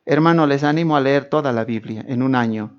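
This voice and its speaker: A man's voice: medium pitch, brisk, muffled recording. A man preaching a Bible teaching sermon in a conversational, joking way. He keeps asking his listeners rhetorical questions and calls them brother.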